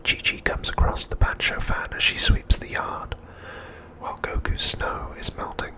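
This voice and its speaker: Gentle and slow, a middle-aged man narrates ASMR content in a wholly breathy, toneless whisper. He deliberately pauses between each phrase as the host.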